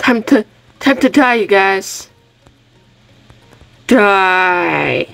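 A woman giving casual, excitable commentary on a game she is playing, chatty and often restarting her words. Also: mid-range voice, measured pace, faint music behind, poor audio. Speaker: gaming video creator.

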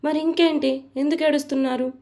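A frank, caring young office assistant who chats and reassures her boss in a spoken storybook, voiced by a woman narrator. Her voice is fairly high, and her tone is warm and mellow. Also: fairly even intonation, fast talker. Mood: soothing. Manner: reassuring, chatty.

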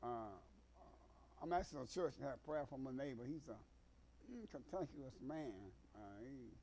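Mellow man giving prayer requests. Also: mid-range voice, lively intonation, slight background noise. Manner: halting, with many fillers. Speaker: church member. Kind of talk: casual spoken prayer request.

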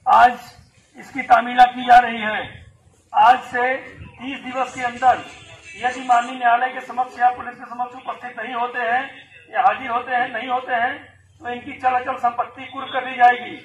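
A man's voice: extremely high pitch, normal speed, slight background noise, low-quality recording. A middle-aged policeman reads a formal public proclamation like a town crier, through a megaphone outdoors. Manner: formal, monotone reading of a legal notice. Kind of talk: town crier style official announcement, read from a paper. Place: outdoors in a house courtyard. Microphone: handheld megaphone, filmed by a camera a few metres away.

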